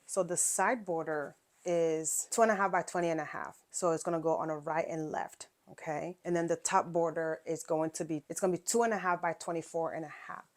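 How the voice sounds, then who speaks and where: Low-voiced woman chatting through a sewing tutorial. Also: fairly even intonation, a little fast, few pauses. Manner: chatty step-by-step explaining with fillers. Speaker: quilting channel host.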